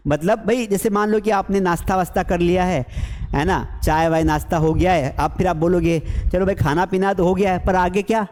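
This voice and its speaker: A man with a fairly high voice teaches spoken English. He explains each phrase with everyday examples and repeats it for his learners. His voice carries a long hall reverb. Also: steady tone, moderate pace, darkish tone. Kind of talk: bilingual spoken English lesson.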